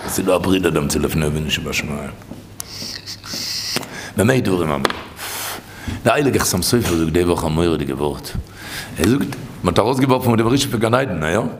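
Man, religious teacher, Torah lesson with stories, sing-song delivery, wide pitch swings, faint background hiss. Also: animated, a little fast, pauses often.

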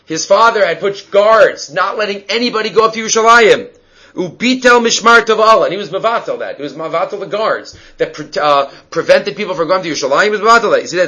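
Guy w a high voice giving an informal talmud class, repeats phrases, kinda muffled recording. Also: fairly bright tone. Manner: explains in short repeated phrases, switching between Hebrew text and English. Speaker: Talmud teacher. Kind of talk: informal religious text lesson.

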